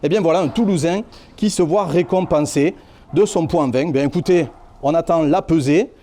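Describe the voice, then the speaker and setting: A man hosts a live prize draw. He keeps the patter lively and playful. His voice is high but mellow. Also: normal speed.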